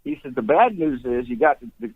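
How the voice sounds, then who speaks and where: A man's voice: fairly high pitch, big pitch swings, fairly quick, vocal fry, husky, no room sound, phone-quality sound. Chuckling Southern older man telling stories. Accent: Southern American. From Eastern Tennessee. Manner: rambling, folksy, chuckling, stammers on restarts. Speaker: guest sportscaster. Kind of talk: storytelling interview.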